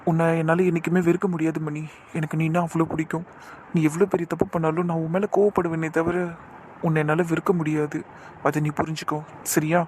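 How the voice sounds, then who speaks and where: A man's voice: fairly high pitch, level tone, fast talker, a little mellow, a little hiss or hum, close to an everyday voice. A man playing a patient, soothing young man. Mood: tender. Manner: soothing, reassuring, lightly scolding. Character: gentle, patient young man comforting a girl.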